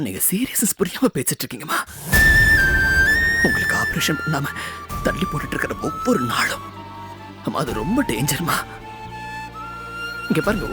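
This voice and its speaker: A man playing a grown son in a TV serial, pleading urgently with his mother. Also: high voice. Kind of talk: TV serial acting.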